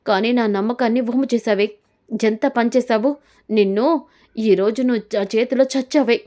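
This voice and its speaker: A woman's voice: fairly high pitch, fairly even intonation, normal speed, mellow, close to an everyday voice. A woman voicing a middle-aged mother who scolds her daughter in anger. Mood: furious.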